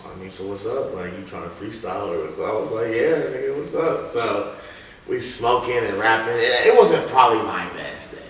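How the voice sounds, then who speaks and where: A young man with a very low voice, sounding like a rapper being interviewed, tells casual anecdotes packed with slang, acting out remembered conversations. He is animated and speaks at normal speed, picked up by a distant mic in a very echoey room with faint noise.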